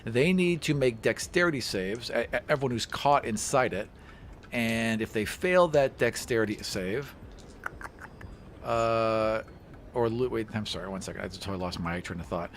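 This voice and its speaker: A man's voice: on the low side, moderate pace, slight background noise. A man chatting casually while playing a tabletop game, joking and a little self-deprecating. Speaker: player on a charity game stream.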